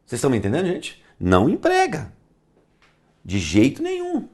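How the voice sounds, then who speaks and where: A man's voice: fairly high pitch, wildly swooping pitch, moderate pace, a little mellow, breathy edge. A middle-aged man with a Brazilian Portuguese accent teaching grammar in a theatrical classroom lecture, talking straight to the class and repeating phrases in a singsong. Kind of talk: animated classroom lecture to camera.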